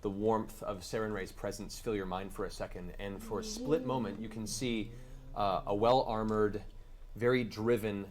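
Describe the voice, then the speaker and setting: Role: game master. Sex: male. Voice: low-pitched. Style: descriptive narration of a tabletop game. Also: normal speed. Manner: descriptive, steady, with small fillers.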